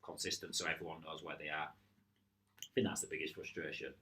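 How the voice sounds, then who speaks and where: A man with a very low voice chats casually on a club podcast. He is agreeable and retells match moments in a relaxed way. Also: brisk. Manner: agreeable, recounting incidents with acted quotes. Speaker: futsal club podcast co-host.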